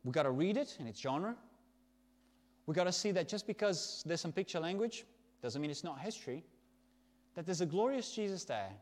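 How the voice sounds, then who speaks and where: Lively man preaching a sermon. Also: on the high side, moderate pace, pauses often. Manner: emphatic, swings from loud stresses to soft hushed endings.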